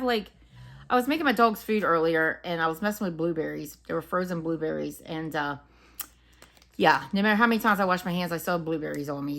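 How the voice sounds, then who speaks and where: A woman's voice: on the low side, a bit bright. A woman casually reviewing wax melts, chatting and musing aloud as she describes each scent. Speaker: home fragrance reviewer. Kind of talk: casual unscripted product review.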